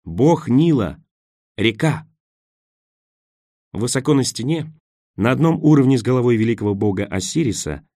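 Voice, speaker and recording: A man narrating an adventure novel as an audiobook, steady and measured. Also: lowish voice, no room sound, studio quality. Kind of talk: scripted narration.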